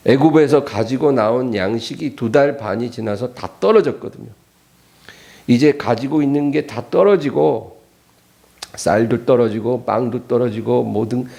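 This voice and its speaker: A male pastor preaches a weekday sermon with animated delivery. His voice is gravelly and mellow, in a middle register. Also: mid-range voice. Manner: animated, acts out the scripture quotes.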